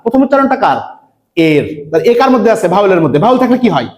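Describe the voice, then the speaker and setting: A man from Bangladesh teaching an English admission-test lesson online, who asks his students questions, answers them himself and repeats words slowly. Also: high voice, very animated. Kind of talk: online lecture.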